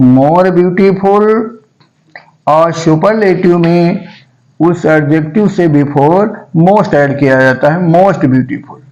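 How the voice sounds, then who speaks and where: A male teacher giving a grammar lesson, saying each word slowly and repeating it several times so students can follow. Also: sits high, darkish tone, dull audio.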